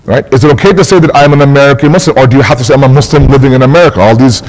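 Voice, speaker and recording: A man's voice: mid-range voice, very fast, a little mellow. A man who grew up in Canada giving a conversational religious lecture to a congregation in a mosque hall, often repeating words as he searches for phrasing.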